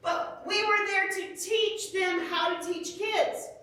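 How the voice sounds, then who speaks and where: A middle-aged woman, telling a lively story as a children's church teacher. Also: extremely high pitch, slow. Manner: animated storyteller, shrieks when acting out fright. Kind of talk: storytelling lesson to kids. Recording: echoey church room, from far off the mic.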